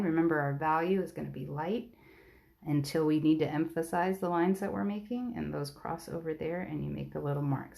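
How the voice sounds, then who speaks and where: A woman's voice: low voice, gravelly, a little mellow. A woman art teacher giving a patient, step-by-step drawing lesson on a live stream.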